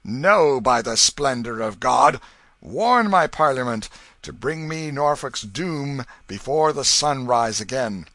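A man's voice: mid-range voice, pushed and bright, dry recording, pitched above the performer's own voice. A man voicing a dying old king who is wrathful and commanding, declaiming in archaic, imperious speech.

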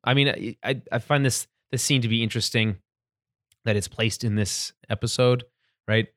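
A man's voice: medium pitch, fairly even intonation, normal speed, fairly bright tone, no echo, studio quality. Chatty man recapping an episode. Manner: chatty, laughs often, acts out quotes. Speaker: podcast co-host. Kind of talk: casual chat recapping a TV episode.

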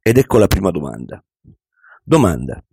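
A man voicing a wise, calm older millionaire who patiently teaches a young man, read as an audiobook. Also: deep voice, slightly rough, voice pushed down, heavily acted. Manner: patient, measured, instructive. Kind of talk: audiobook reading.

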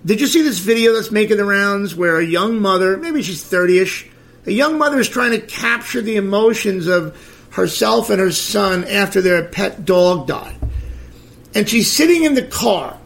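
A middle-aged podcast host rants about celebrity gossip, blunt, crude and sarcastic. He has a high, gravelly, slightly bright voice that is expressive, and he keeps a moderate pace.

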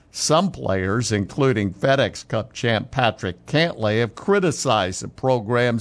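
An American man hosting on radio, reading through a sports news update. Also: mid-range voice.

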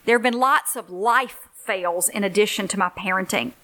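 A woman's voice: mid-range voice, normal speed. A middle-aged woman hosting a faith-based podcast for single moms, telling stories in an earnest, encouraging way. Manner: warm storytelling, earnest and encouraging. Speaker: podcast host, ministry leader.

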